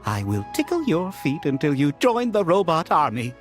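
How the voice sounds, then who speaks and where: An actor playing a prankster who poses as an evil robot, using a stiff, stilted robot voice. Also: male voice, on the high side, wildly swooping pitch, moderate pace. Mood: mock menacing. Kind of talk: video game voice acting. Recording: game dialogue with music behind. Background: game music.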